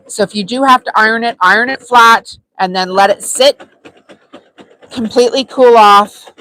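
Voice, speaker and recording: A woman's voice: mid-range voice, low-quality recording. Chatty woman teaching sewing live. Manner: chatty, relaxed, frequent ums. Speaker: sewing channel host. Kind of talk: live crafting tutorial.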